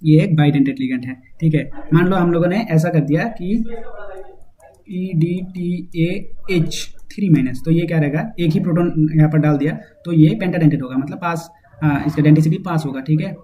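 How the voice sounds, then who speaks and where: A man's voice: fairly high pitch, moderate pace. A man teaching a chemistry lesson, explaining step by step and mixing in English terms. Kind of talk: whiteboard lecture. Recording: slightly dull audio with faint hiss.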